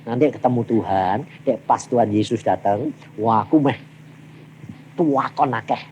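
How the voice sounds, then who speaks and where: A man's voice: mid-range voice, a little slow, lo-fi sound, a little hiss or hum. A man with a Javanese accent preaching a sermon, telling stories and acting out both sides of each exchange. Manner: animated storytelling, acting out dialogues with big vocal swings. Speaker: evangelist preacher.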